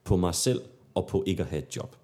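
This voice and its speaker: A man's voice: low-pitched, dark tone. A man with a Danish accent co-hosting a casual podcast, talking in an informal, candid, rambling and sometimes sweary way. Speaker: podcast co-host.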